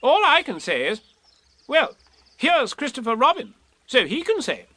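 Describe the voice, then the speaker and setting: A man's voice: very high-pitched, huge pitch swings, moderate pace, sharp tone, voice pushed up, exaggerated voice. A man doing Rabbit, a fussy officious rabbit. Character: fussy, self-important male rabbit.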